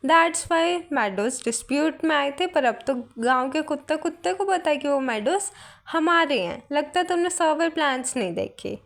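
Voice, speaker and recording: A woman voicing a quick-tempered older male landowner who scolds and blusters. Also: high-pitched, lively intonation, creaky, full character voice. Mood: blustering.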